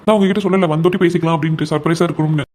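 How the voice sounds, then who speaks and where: A devoted young cartoon husband, voiced by a man, talking in a raised, fairly high voice. He pleads with his mother and stands firm for his wife, words tumbling out very quickly. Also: steady tone, loud music behind the voice, close to an everyday voice. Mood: pleading. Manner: earnest, pleading, stubbornly defends his wife. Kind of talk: cartoon voice acting.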